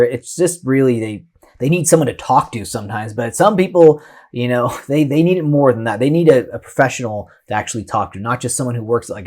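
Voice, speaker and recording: A man's voice: mid-range voice, darkish tone. A man hosting a reaction commentary video, talking in a casual, emphatic way. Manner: conversational, emphatic, with fillers and restarts.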